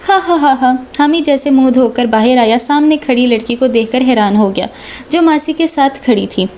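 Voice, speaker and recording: A woman narrating a comic romantic novel aloud in a lively storytelling manner. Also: high-pitched, moderate pace.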